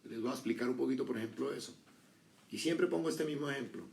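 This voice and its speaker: A man's voice: medium pitch, fast, vocal fry, a little mellow. A middle-aged man preaching a sermon in a casual, conversational way, full of rhetorical questions and little acted-out quotes. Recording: echoey room, voice from a distance.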